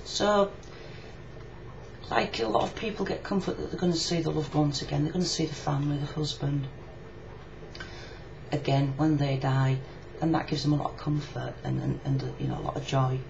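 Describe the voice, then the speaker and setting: This video blogger from Yorkshire, England, talks in a low voice at a normal speed, her accent plain as she gives a casual, candid and thoughtful video reply. She's in a room, and the lo-fi webcam sound is muffled with noticeable background noise.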